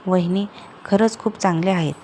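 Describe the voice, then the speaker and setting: A woman's voice: on the low side, fairly even intonation, a little fast, warm tone, slight background noise, natural voice. Earnest young woman in a spoken story, pleading and sincere, read by a woman narrator. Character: gentle, anxious young married sister.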